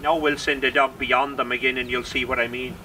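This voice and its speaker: Outdoors at a sheep dog trial, a sheepdog trainer and presenter explains a live demonstration to spectators, teaching as he goes and asking rhetorical questions. His medium-pitched voice is flat, a little fast, and sharp in tone, picked up far from the mic in a very noisy recording.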